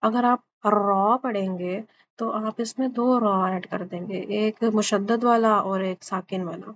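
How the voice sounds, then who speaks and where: A woman's voice: mid-range voice, steady tone. Patient woman teaching Quran letter sounds. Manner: patient, repeats sounds for students to copy. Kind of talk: online class lesson. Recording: slightly dull lo-fi audio with faint background hiss.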